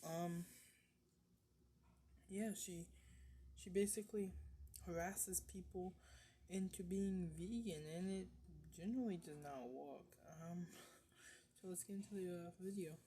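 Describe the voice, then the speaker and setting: Low, mellow-voiced sarcastic woman. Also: measured pace, long pauses, slight background noise. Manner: sarcastic, rambling with fillers. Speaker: reaction video host. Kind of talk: casual reaction commentary.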